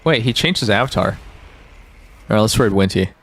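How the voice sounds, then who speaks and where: A man's voice: lowish voice, animated, fairly quick, fairly bright tone, breathy edge. A man hosting a livestream, chatting informally and jokingly with his viewers into a close microphone. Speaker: live streamer, host. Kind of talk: casual livestream chat with viewers.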